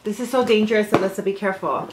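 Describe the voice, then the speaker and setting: A woman's voice: medium pitch, rapid-fire. A young woman hosting a casual unboxing vlog, teasing and bossing her sister in a playful way. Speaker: vlogger. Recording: echoey room with light noise.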